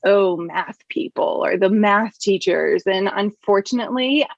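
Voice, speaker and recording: A woman's voice: medium pitch, measured pace, vocal fry, no room sound, highs cut off. A woman hosting a podcast, earnest and upbeat as she introduces her topic and guest. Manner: earnest, upbeat, frequent laughs. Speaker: podcast host. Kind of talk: casual podcast interview.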